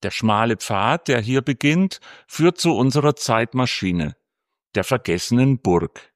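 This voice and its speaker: A man's voice: medium pitch, lively intonation, measured pace, no echo. Man reading a formal audio guide, dry sound. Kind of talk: scripted narration.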